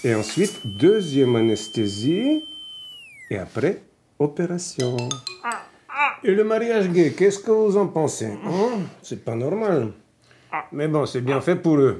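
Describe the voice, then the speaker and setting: Bulgarian accent, chatty needling dentist, slow delivery, even pitch. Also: male voice. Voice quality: chatty, needling, chuckling asides. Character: boastful opinionated middle-aged male dentist. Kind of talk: film acting.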